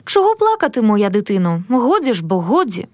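A woman's voice: medium pitch, big pitch swings, fairly quick, a little mellow, dry recording, clean studio sound, close to an everyday voice. A woman voicing a doting old grandmother in a storybook reading, soothing and coaxing.

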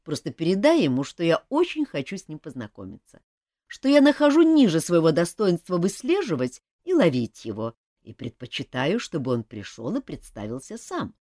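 A woman voicing a playful young king in a storybook, easygoing and teasing, voice leaping up and down in pitch, dry close recording without room sound. The reading stays lively and expressive throughout. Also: moderate pace, no room sound. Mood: curious. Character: young man, a good-humoured teasing king.

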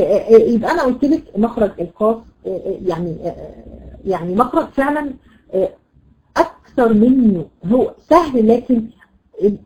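A woman with an Egyptian accent teaching a Quran recitation lesson, explaining patiently, repeating words and checking understanding with quick questions. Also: on the high side, dark tone, poor audio. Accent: Egyptian Arabic. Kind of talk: classroom lesson.

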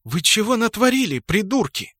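A male audiobook narrator voicing a brash, bossy woman guild leader with a sharp, scolding manner. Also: mid-range voice, very animated, moderate pace, breathy edge, no room sound, clean studio sound, voice pushed up. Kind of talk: audiobook character voice.

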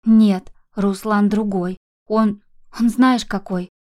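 A woman's voice: medium pitch, fairly even intonation, slow pace, a little mellow, close to an everyday voice. Woman voicing a heartbroken young woman. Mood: tender, resolute.

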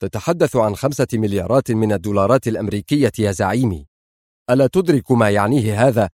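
A man's voice: lowish voice, quick pace, darkish tone, no echo, studio quality, natural voice. A man doing an awestruck greedy henchman. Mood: amazed. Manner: amazed, incredulous. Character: greedy male henchman, easily amazed.

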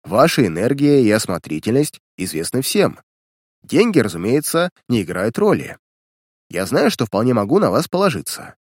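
A man voicing a hot-tempered older millionaire who bursts out loudly and indignantly in a storybook reading. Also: mid-range voice, big pitch swings, moderate pace, husky, dry recording, clean studio sound. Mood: pleading. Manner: loud, indignant outbursts.

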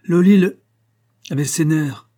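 A man reading an audiobook, voicing a hearty, impulsive young country gentleman devoted to his wife. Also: medium pitch, normal speed, natural voice. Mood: agitated.

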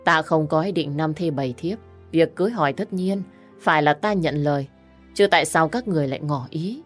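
A woman's voice: low voice, a little fast, faint music behind. A woman voicing a powerful, coolly commanding young male lord. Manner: cool, authoritative.

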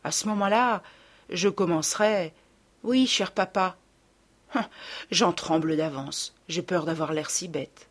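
Low-voiced woman reading a novel aloud. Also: steady tone, a little slow. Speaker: audiobook narrator. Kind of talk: scripted literary narration.

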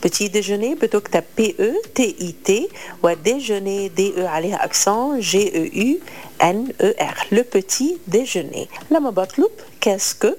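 A woman with an Egyptian Arabic accent gives a radio French lesson. She repeats each French phrase slowly and spells words out letter by letter. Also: medium pitch, expressive, a little mellow. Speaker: French language teacher.

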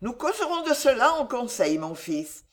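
A cold, calculating queen mother voiced by a woman reader who persuades in measured, deliberate phrases. Her pitch rises and falls in a lively way. Read as an audiobook character. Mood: persuasive. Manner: measured, persuasive, coolly triumphant.

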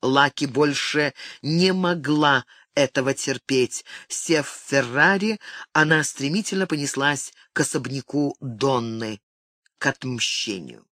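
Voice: mid-range voice, slow pace, fairly bright tone, dry recording, clean studio sound. An audiobook narrator giving a dramatic reading of a novel.

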